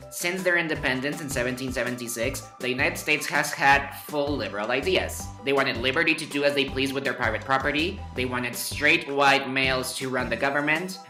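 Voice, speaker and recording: A man's voice: medium pitch, sharp tone. A man narrating a scripted history lesson as host, with playful, wry asides and words stretched for emphasis. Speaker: host of a history explainer show. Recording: roomy echo, faint music behind.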